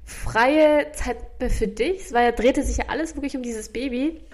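A young woman co-hosting a podcast, sharing memories in a reflective, halting way with frequent restarts. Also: high voice. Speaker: podcast co-host. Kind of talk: casual chat.

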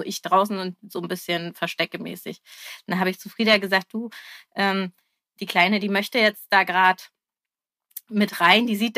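A woman's voice: mid-range voice, bright, forceful tone, no room sound, clean studio sound. A woman, a mother, telling a story about her child in a hesitant way, with many fillers and frequent laughs. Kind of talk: casual storytelling.

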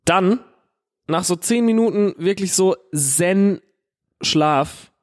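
A man with a Palatinate German accent telling an animated, slangy story in casual chat, full of fillers. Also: high voice, slow.

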